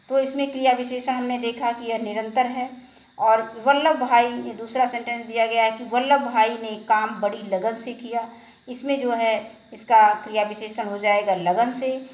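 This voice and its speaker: A woman teacher explaining a school textbook lesson, reading each question and answer in a steady, methodical way. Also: on the high side, echoey room, rough recording.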